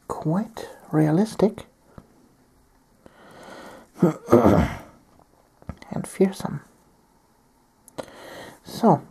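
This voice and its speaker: A woman from Germany, talking softly through a painting tutorial while she has a cold and keeps clearing her throat. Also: low voice. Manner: soft-spoken, often near a whisper. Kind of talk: step-by-step tutorial narration.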